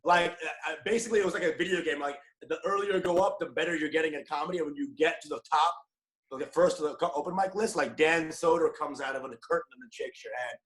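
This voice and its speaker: A man in his thirties from Dallas, a guest comedian chatting casually on a podcast, energetic, joking and profane. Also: on the high side, fast talker, rough recording. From Dallas, USA.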